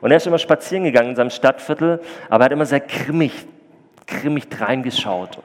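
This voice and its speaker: A male pastor preaches in a warm, conversational tone, stressing key points loudly then dropping low. His mid-range voice sits in a long church-hall reverb. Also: fast talker. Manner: earnest, conversational, swings loud and soft. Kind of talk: sermon with storytelling.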